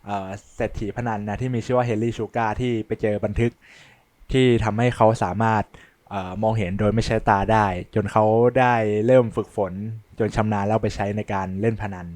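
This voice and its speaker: A man's voice: lowish voice, level tone, normal speed, a little mellow. A man giving a casual spoken film review, loose and hesitant, with many fillers and restarts.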